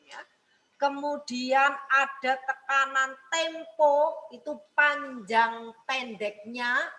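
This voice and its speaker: A woman's voice: high-pitched, sharp tone, rough recording. A woman teacher explaining singing technique step by step, repeating each point and checking in with a questioning "ya". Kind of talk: music lesson broadcast.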